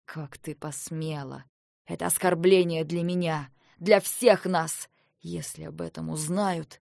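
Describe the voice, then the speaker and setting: A woman voicing a cold, possessive husband of an ancient race, speaking low and menacing with a hiss in his voice. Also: fairly even intonation, measured pace, gravelly, a little mellow, no echo, studio quality. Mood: hissing anger. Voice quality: hissing, menacing.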